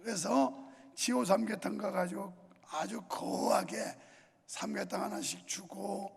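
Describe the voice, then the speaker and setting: Gravelly older Korean pastor, booming hall. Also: male voice. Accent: Chungcheong Korean. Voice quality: gravelly, husky. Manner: folksy storytelling with comic dialect imitations. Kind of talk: sermon. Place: large church sanctuary. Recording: reverberant church hall.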